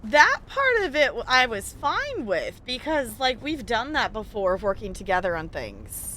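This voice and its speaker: A woman streams a video game live, chatting animatedly and casually with her viewers while commenting on the gameplay. Her voice is a little high, sing-song, and sharp, at a moderate pace, with slight background noise.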